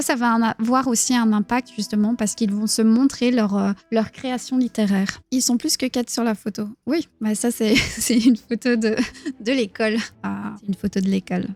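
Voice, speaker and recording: A woman with a fairly high voice hosts a live stream. She speaks casually and hesitantly, with many fillers and asides to the chat. Soft music plays faintly behind her. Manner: casual, hesitant with frequent fillers, chats with viewers. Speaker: streamer host. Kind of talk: live-streamed talk presenting a biography.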